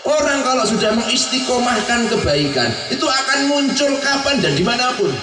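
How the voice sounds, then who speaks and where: A man's voice: extremely high pitch, very animated, moderate pace, bright, forceful tone. A man with a Javanese accent preaching a humorous sermon, telling stories and acting out the voices of the people in them. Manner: joking storytelling, acting out voices. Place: hall at a religious gathering. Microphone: microphone. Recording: roomy, distant mic, music behind.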